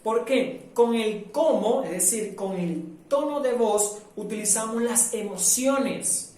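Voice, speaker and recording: A man from Venezuela teaching a live online public speaking workshop, lively and demonstrative, acting out the sounds he describes. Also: sits high, takes it slowly. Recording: very echoey room, mic at a distance.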